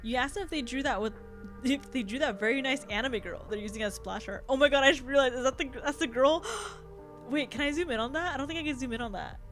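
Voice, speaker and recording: Female game streamer: high voice, informal, giggly, switches between chat and read-aloud narration, music behind. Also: fast talker, fairly bright tone.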